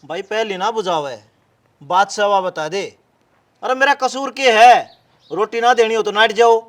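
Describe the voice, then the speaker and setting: A man playing a proud, pious old village father, talking in a Haryanvi accent. His voice sits high for a man, and he lectures his family with wounded dignity. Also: normal speed, fairly bright tone. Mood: aggrieved. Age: older.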